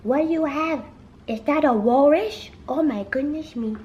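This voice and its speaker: A woman with a stuffy nose talking to her pet in a high, sing-song baby-talk voice from across the room. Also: measured pace, a little mellow. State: stuffy nose, under the weather. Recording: roomy, dull sound from off-mic.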